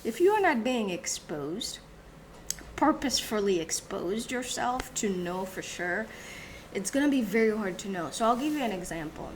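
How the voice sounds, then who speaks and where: As host of a reflective solo talk, this Haitian-born woman raised in the U.S. thinks aloud, restarting often and using plenty of fillers. Her mid-range voice is sing-song at a normal speed, on poor audio with slight background noise.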